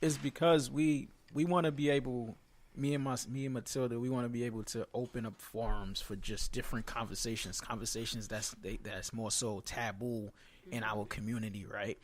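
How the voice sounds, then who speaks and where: A man's voice: medium pitch, fairly even intonation, normal speed. A man co-hosting a panel discussion, talking in a casual, conversational way with some swearing. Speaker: co-host.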